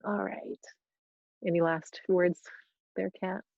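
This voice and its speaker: A woman's voice: on the low side, steady tone, slow, creaky, no room sound, lo-fi sound. A woman hosting a casual live Q&A webinar, chatting in a bubbly way with frequent restarts and laughter. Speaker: yoga teacher trainer hosting a webinar. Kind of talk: casual live Q&A, reading questions aloud. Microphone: video call.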